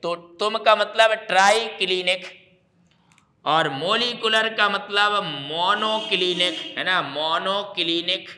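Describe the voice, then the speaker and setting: A man's voice: high-pitched, slow pace, sharp tone. A man teaching a chemistry revision lecture, repeating key terms and explaining them patiently to his students.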